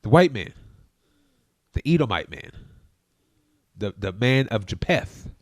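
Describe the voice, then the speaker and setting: A man's voice: lowish voice, sing-song, slow, dry recording, clean studio sound. A man co-hosting a casual podcast chat, preaching his views emphatically and telling listeners to look things up. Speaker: podcast co-host.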